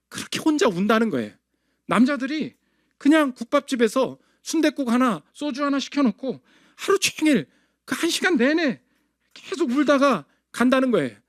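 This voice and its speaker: High-pitched, lively preaching man. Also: no echo, studio quality. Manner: emphatic rhetorical questions, answers them himself. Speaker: pastor. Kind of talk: sermon. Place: church sanctuary.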